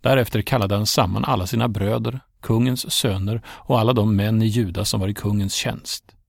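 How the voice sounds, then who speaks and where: A man reads a Bible story as narrator, steady and measured. His voice sits low with a deep, constant gravelly fry. The recording is dry and close, with no room sound. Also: dry recording.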